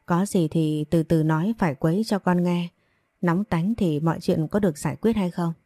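A woman voicing a gentle, soothing mother. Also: fairly low pitch, moderate pace, no echo, clean studio sound, close to an everyday voice. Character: gentle, caring middle-aged mother.

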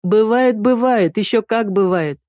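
A woman's voice: mid-range voice, measured pace, darkish tone, no echo, studio quality, pitched above the performer's own voice, natural voice. Kind, motherly fairy lady with a playful, cooing lilt; woman narrator doing the voice. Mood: teasing. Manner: cooing and coaxing.

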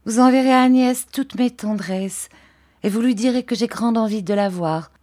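A woman voicing a frail, childlike young wife who speaks softly, eagerly and with great affection. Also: a little high, moderate pace, voice pushed up, lightly acted. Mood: tender. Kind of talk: audiobook character voice.

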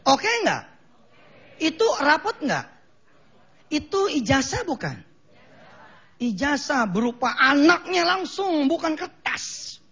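Middle-aged guy preaching in a mosque, jakarta betawi accent, high voice, jokey and animated, dull lo-fi broadcast sound. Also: takes it slowly, gravelly, long pauses. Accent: Betawi-flavored Jakarta Indonesian. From Indonesia. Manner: lively, jokey, acts out quoted voices, laughs at own jokes. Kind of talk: sermon.

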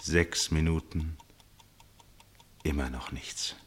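An actor playing a first-person narrator in a literary radio play, a husky-voiced man telling his account in a measured, suspenseful way. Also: rumbling low, steady tone, a little hiss or hum. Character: male first-person narrator, absorbed witness of a chess match.

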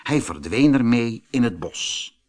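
A man narrates a children's fairy tale audiobook in an expressive, storytelling style. His voice is mid-range and his pace unhurried.

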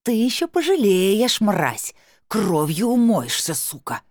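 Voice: mid-range voice, big pitch swings, moderate pace, a little mellow, dry recording, studio quality. A reader voicing a drunk, coarse middle-aged woman who shrieks slurred abuse. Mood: shrieking abuse. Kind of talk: audiobook character voice.

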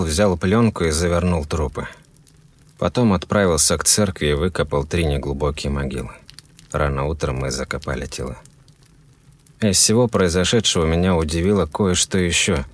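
A man narrating a grim first-person horror story in a grave, measured way. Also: sits low, no room sound.

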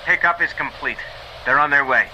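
Sharp-voiced surveillance agent on radio. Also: male voice, on the high side, moderate pace. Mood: tense, watchful. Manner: terse, reporting step by step. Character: watchful surveillance agent giving radio running commentary. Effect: two-way radio. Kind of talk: screen drama acting, running commentary. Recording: muffled band-limited radio, faint noise.

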